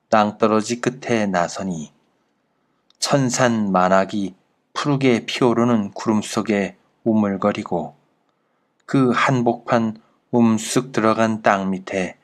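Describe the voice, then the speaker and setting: A man reading a classic travel essay aloud in a slow, measured literary narration. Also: on the low side. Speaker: audiobook narrator.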